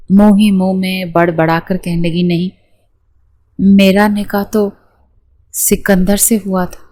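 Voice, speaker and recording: A woman narrating a romance novel aloud as an audiobook, in a steady storytelling manner. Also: fairly low pitch, low-quality recording.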